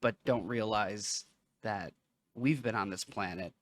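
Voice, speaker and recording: A man co-hosting a casual podcast chat, playful and joking with sudden loud bursts. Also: lowish voice, unhurried, no room sound. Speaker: podcast co-host.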